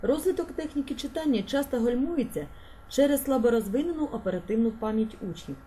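A woman primary school teacher speaking calmly and precisely, explaining her methods and guiding a class through reading drills. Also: fairly high pitch, a little fast, slight background noise, poor audio. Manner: calm, precise, instructive.

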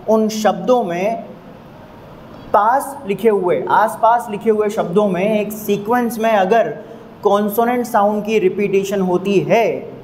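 A man's voice: high-pitched, darkish tone, a little hiss or hum, rough recording. A man teaching English literary terms with a Hindi accent, repeating points and drawing out example sounds. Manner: repetitive, emphatic, drills sounds slowly. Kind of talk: explaining a literary term to students.

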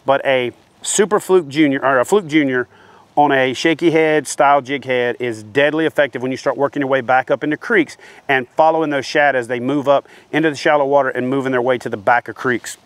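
A man's voice: medium pitch, fairly quick, no echo. A man in his forties giving a practical, hands-on fishing lesson to camera outdoors, speaking into a lapel mic. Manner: practical, steady explaining with hands-on demonstration. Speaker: fishing instructor. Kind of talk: instructional talk to camera. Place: outdoors by a wooden shed.

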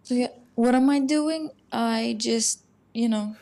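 A young university student chatting casually on a video call from an echoing dorm corridor, hedging with "I mean". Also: female voice, on the high side, slow pace, dark tone. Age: young adult. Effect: hallway echo around the voice. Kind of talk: casual chat.

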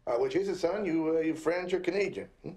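An actor playing a folksy police interrogator who needles his suspect with slow, mock-patient questions. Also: a little high, a little mellow, close to an everyday voice. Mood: needling.

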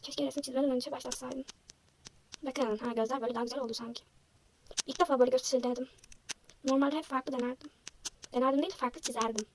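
Young woman, high voice, rapid self-deprecating chatter, a little hoarse, faint noise behind. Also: steady tone, darkish tone. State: slightly hoarse, sore throat. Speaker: vlogger. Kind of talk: casual chat while drawing.

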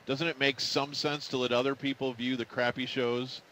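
A man's voice: medium pitch, level tone, moderate pace, sharp tone, slight background noise, low-quality recording. Wry male radio host. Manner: wry, drily joking. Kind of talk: casual radio chat.

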